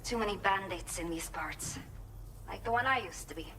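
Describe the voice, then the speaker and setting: An actress voicing a pregnant former bandit woman with a Mexican accent in a video game, earnest and measured. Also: fairly low pitch, fairly bright tone, a little hiss or hum, poor audio. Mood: troubled. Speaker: game character giving delivery orders.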